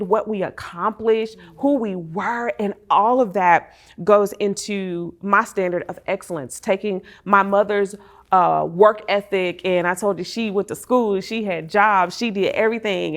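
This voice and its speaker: A woman guest in a casual conversation, talking with enthusiasm and excited bursts. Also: medium pitch, measured pace.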